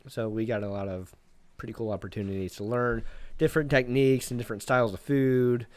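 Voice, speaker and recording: A young man, a private chef, chatting casually on a podcast in a relaxed, rambling way full of fillers. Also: mid-range voice, a little fast, smooth. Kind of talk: casual interview chat.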